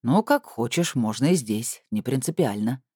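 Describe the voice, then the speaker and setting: In an audiobook, a woman reader voices a stern, accusing middle-aged man who is irritated, using an exaggerated, deep, dark, husky, cold hiss pitched low and delivered in a lowered tone. The intonation is lively and the speed normal, and the sound is close and dry with no echo or room around it.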